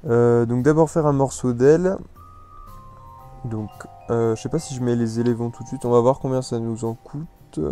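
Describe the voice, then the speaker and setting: Rambling French gamer with a mellow voice. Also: male voice, medium pitch, steady tone, moderate pace. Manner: rambling and hesitant, many fillers and restarts. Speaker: gameplay commentator. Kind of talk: casual let's-play commentary. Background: soft background music.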